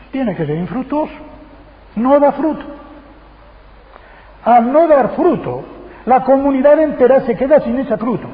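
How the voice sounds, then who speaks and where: Male preacher, high voice, emphatic sermon delivery; tinny old tape recording with long hall reverb. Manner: emphatic, addresses the congregation as brothers.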